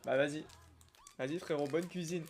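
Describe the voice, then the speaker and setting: A young man chatting casually on a live stream while opening trading card packs, reacting with excitement and greeting viewers by name. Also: a little high, moderate pace. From Algeria. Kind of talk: casual live-stream chat reading comments.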